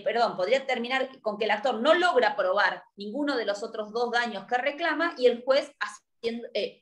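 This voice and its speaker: A woman's voice: a little high, a bit bright. A woman with an Argentine accent gives a university law lecture, explaining step by step and checking in often with her listeners. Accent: Argentine Spanish. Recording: roomy echo.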